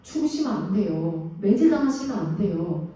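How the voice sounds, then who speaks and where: A woman's voice: medium pitch, sing-song, normal speed, mellow, pitched below the performer's own voice, lightly acted. A woman voicing a distraught male disciple who earnestly begs his teacher, heard from a distance in an echoey room. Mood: pleading. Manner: earnest, imploring.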